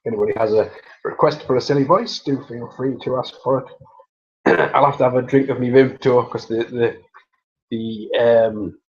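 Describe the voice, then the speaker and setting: A man's voice: medium pitch, a little mellow, husky, dull audio. A man with a Mackem accent chatting on a live stream, rambling and self-amused, with lots of fillers and restarts. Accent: Mackem (Sunderland). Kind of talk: casual live-stream chat.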